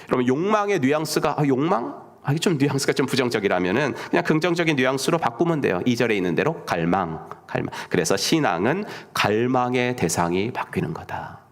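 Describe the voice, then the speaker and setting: A man's voice: mid-range voice, animated, fairly quick, few pauses. A middle-aged man preaching a sermon as senior pastor, often asking the congregation questions and answering them himself, sometimes dropping to a whisper.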